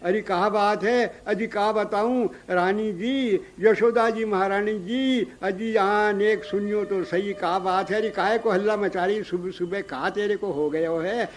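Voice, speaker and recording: A man's voice: high-pitched, fairly even intonation, a little slow, few pauses, pitched above the performer's own voice. A man voicing a bold, talkative young village bride in a devotional story. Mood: calling out.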